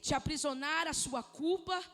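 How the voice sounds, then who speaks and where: A woman pastor with a Brazilian Portuguese accent preaching a Pentecostal sermon, swinging between fervent shouts and hushed, intimate speech and calling out listeners by name. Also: sits high, normal speed, big-room sound.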